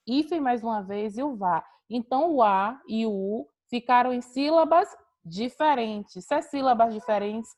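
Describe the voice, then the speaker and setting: A woman's voice: a little high, darkish tone. A woman teacher giving an online class over a video call, explaining patiently, repeating points and calling on students by name.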